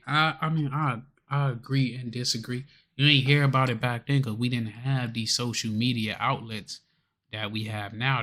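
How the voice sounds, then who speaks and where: Male co-host chatting casually, relaxed and conversational, uses slang. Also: medium pitch. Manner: laid-back and conversational, with slang. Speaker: podcast co-host. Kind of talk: casual chat.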